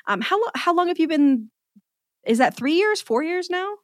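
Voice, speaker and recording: A woman's voice: very high-pitched, moderate pace, no echo. Chatty woman podcast host, dry sound. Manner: chatty, animated, self-deprecating humor. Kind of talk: casual interview.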